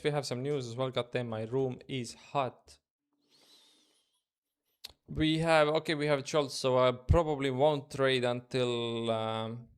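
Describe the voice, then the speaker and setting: This day trader streams live from his room, answering chat and thinking out loud in informal, loose English. A native Estonian speaker with an Estonian accent, he has a medium-pitched voice with a clean tone.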